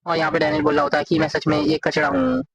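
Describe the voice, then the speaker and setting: A man narrating a comic story in a casual, rapid, run-on retelling, reading the characters' lines aloud as he goes. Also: on the high side, big pitch swings, vocal fry, slightly rough, low-quality recording.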